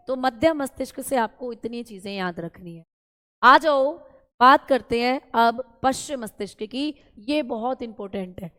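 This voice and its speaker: A woman teaching an online class, repeating key terms and talking directly to her students. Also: sits high. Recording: long hall reverb.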